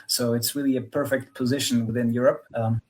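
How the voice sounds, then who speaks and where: A man's voice: mid-range voice, fairly even intonation, brisk, darkish tone. A man from Austria, a guest author on a video call, answering friendly and somewhat hesitantly. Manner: friendly, hesitant with fillers and restarts. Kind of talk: interview conversation.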